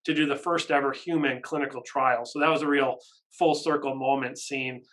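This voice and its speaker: A man's voice: mid-range voice, normal speed. Eager, caffeinated-sounding man in his thirties. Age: 30s. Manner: eager, caffeinated-sounding, excited, emphatic in bursts. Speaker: university professor and research lab head. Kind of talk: informal Q&A talk about research. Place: small office, indoors.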